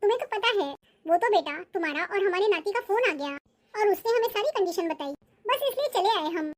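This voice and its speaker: A woman voicing a strict old grandmother in a cartoon, shrill and scolding, with an Awadhi-tinged Hindi accent. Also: animated, brisk. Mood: assured. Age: older. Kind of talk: cartoon voice acting.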